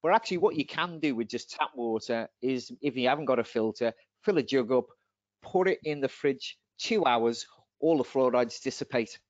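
Chatty and rambling, a nutrition presenter on a webinar laughs at his own jokes as his voice starts to slightly give out. His medium-pitched delivery has lively intonation at normal speed, captured in dull, dry video-call audio.

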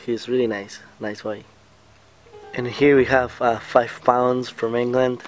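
A young man talks loosely into a close camera mic outdoors, relaxed and rambling, dropping fillers and laughs as he goes. His pitch sits at an ordinary middle height. Soft music plays faintly behind him. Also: measured pace. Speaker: student vlogger. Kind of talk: casual vlog chat. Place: outdoors beside a building.

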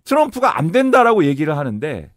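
A male political commentator, appearing as a guest in a studio, explains his points step by step in an analytical discussion, lively with sudden rises and drops. His voice is on the high side and fairly quick, with no echo.

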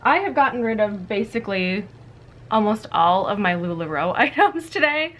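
Young woman, casual vlog chatter, bright tone, filler-heavy, small closet, tripod camera a few feet away. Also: mid-range voice, animated, normal speed. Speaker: vlogger. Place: small walk-in closet, indoors.

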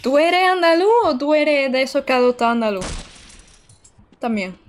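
Brief: young female streamer from Barcelona, chatty and exclamatory, slightly high voice, desk mic. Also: lively intonation, moderate pace, a little hiss or hum. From Barcelona, Spain. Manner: chatty, exclamatory, giggly, answering chat. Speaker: game streamer. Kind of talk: casual live-stream chat while gaming. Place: indoor room.

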